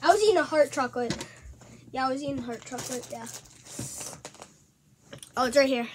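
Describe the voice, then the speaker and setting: A young vlogger chatting casually to viewers while unboxing toys, easily distracted and slightly hoarse. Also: high voice, normal speed, slight background noise.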